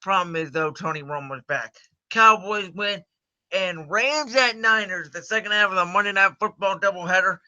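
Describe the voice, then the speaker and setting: A man's voice: high-pitched, normal speed, sharp tone, dull audio. A man chatting casually and confidently as he hosts a livestream of sports predictions, recorded on a home computer mic. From Cleveland, United States. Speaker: host.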